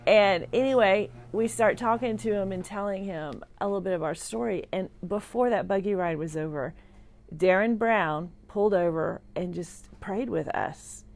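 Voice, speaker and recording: A middle-aged woman weak and groggy after surgery, rambling sincerely and haltingly in a personal livestream from a hospital room. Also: mid-range voice, a little mellow. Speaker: vlogger sharing a personal update.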